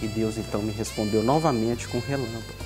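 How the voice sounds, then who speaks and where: A man's voice: fairly low pitch, steady tone, a little fast, a little mellow, faint music behind. Earnest man telling a prayer story. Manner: earnest, reenacts his prayers aloud. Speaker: church guest giving a testimony. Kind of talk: emotional personal testimony.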